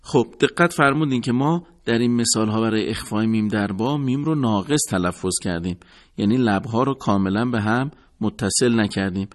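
A man teaching Quran recitation rules in a measured, formal way, repeating each rule. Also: fairly low pitch. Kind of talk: recorded tajwid lesson.

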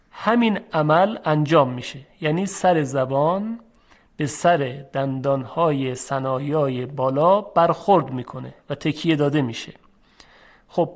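Man teaching Arabic letter sounds. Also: a little high. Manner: slow and drawn-out on example sounds, repeating them for students. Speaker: Quran recitation teacher. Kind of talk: tajwid pronunciation lesson.

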